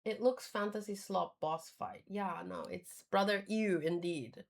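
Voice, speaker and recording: Reacting to manga on a livestream, a woman speaks casually with a medium-pitched voice, a bit slow and marked by vocal fry. She often reworks her sentences as she goes.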